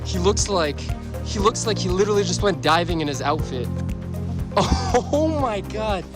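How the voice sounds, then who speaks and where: An American man with a slightly high voice talks casually to camera like a frat-bro vlogger. His delivery is slangy and buddy-to-buddy, and music plays clearly under his voice. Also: moderate pace. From United States, Northern Virginia. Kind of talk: casual snowboarding vlog chat to camera. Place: mostly outdoors on a rainy ski slope.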